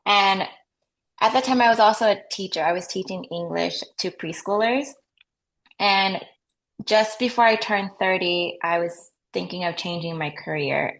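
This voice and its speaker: A woman's voice: on the low side, creaky. A woman in her thirties, raised in the US, chatting casually as a guest about her work as a real estate agent, with frequent "like" and light laughs. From United States. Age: 30s. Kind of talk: casual interview answers.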